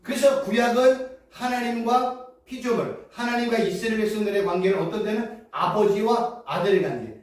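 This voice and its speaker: A woman's voice: a little high, normal speed, a little mellow. Woman, seminary professor, preaching-style lecture, rhetorical questions, heavy echo, distant mic. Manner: quizzes the audience with rhetorical questions, emphatic repetition. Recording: very echoey room, mic far off.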